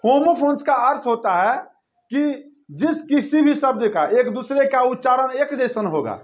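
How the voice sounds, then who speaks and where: A man's voice: very high-pitched, expressive, measured pace, dull audio. A male teacher giving a classroom lesson, drilling students by repeating his questions and answers back and forth.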